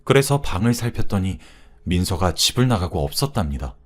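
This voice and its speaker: Male storyteller, low voice, calm scripted first-person narration. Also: a little fast.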